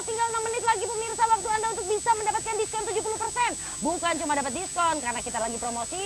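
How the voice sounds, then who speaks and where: A woman presenting a live home shopping sales pitch in an urgent, insistent, chatty manner, repeating her selling points. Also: low-quality recording.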